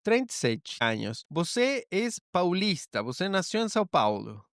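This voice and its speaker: Male travel podcast host, high-pitched, lively, code-switching, dry recording. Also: moderate pace, no echo. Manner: lively, mixing Spanish and Portuguese.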